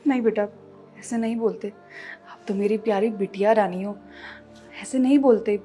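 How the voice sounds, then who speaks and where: A woman playing a meek daughter-in-law and loving mother who pleads softly and soothes her child, in a family short film. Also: medium pitch, moderate pace, faint music behind, natural voice. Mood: soothing.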